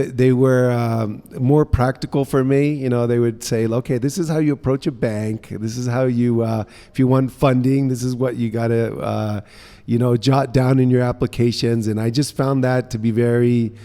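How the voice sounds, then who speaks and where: A man in his fifties who grew up in New Orleans, in the United States, is a guest in a casual interview. He's an entrepreneur, telling stories in a relaxed, chatty way in a co-working space. His voice is medium in pitch, and a long reverb tail follows it.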